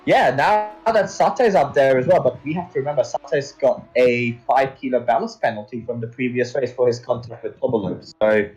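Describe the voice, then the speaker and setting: A man from India doing casual commentary on an online racing event as the host, chatty and quick to laugh. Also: medium pitch, a little mellow, husky, rough recording. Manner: chatty, laughs often, addresses co-host as mate. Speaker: race commentator.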